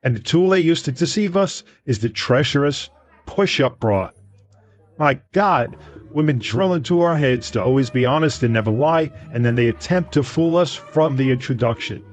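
A tipsy, swaggering businessman , as a male narrator puts him on, holding court at a bar in a raised, sermon-like voice. He pitches high above the narrator's own tone and pushes every line out loudly, with light music beneath. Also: lively intonation, normal speed, natural voice. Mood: ranting. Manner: loud, preachy, theatrical. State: drunk. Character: drunk, boastful male business partner ranting. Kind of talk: audiobook character voice.

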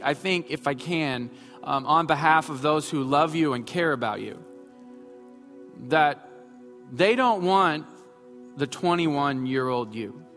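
A man's voice: on the high side, fairly bright tone. A pastor in his thirties preaching a sermon, mixing self-mocking humor with emphatic points. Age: 30s. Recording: long hall reverb with faint music.

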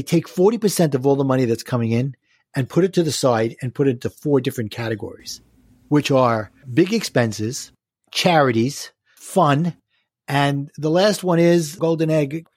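Husky man with a Brooklyn accent. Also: medium pitch, a little mellow, no echo, clean studio sound. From Brooklyn, New York. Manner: explains step by step with rhetorical questions and acted-out quotes. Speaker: life coach, interview guest. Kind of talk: conversational coaching explanation in an interview.

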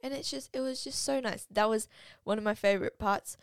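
A woman's voice: fairly high pitch, brisk, gravelly, no room sound. Giggly young woman, dry sound. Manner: giggly, chatty. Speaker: podcast co-host, daughter. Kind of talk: casual chat.

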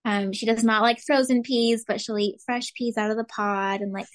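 A woman from Arizona, a mother and recipe blogger, talking as an interview guest in a relaxed, rambling way with lots of "like" and light laughs. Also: on the high side, normal speed. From Arizona, USA. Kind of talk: casual interview chat.

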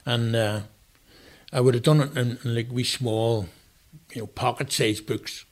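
A man's voice: mid-range voice, fairly even intonation, unhurried. A man in his sixties with a Northern Irish accent, a retired chef chatting as a guest and telling rambling, anecdotal stories. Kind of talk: casual interview chat.

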